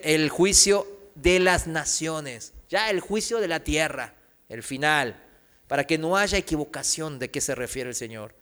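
A male preacher teaches from scripture in a high, bright voice. He quizzes his congregation with questions and answers them himself. His voice rings out through a hall with long reverb. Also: clean tone. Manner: reads scripture aloud, raising his voice for quoted cries. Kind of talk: sermon teaching.

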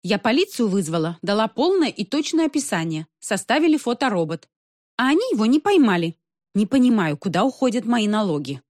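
In a dry, clean studio recording, a woman plays a haughty, dramatic elderly lady complaining with affronted indignation. Her medium voice, pushed slightly above her own yet close to everyday speech, is a little mellow and a little fast, with big swings in pitch.

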